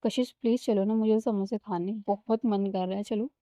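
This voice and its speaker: A woman's voice: medium pitch, fairly even intonation, normal speed, warm tone, dry recording, studio quality, natural voice. A woman storyteller voicing a playful young woman who teases and wheedles. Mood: wheedling. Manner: teasing, wheedling. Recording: slightly dull lo-fi recording.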